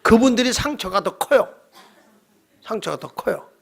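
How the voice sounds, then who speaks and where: A male pastor delivers a night-service sermon in a church with a gravelly, rough-edged voice. He preaches with animated energy and keeps tossing questions out to the congregation. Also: sits high, moderate pace.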